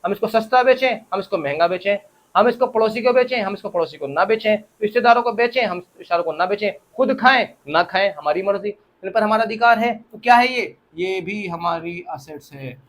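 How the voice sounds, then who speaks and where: A man's voice: high voice, expressive, a little fast, fairly bright tone. A male teacher explaining accounting terms to students, asking them questions and repeating key words, with playful examples. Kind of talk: classroom-style accounting lesson.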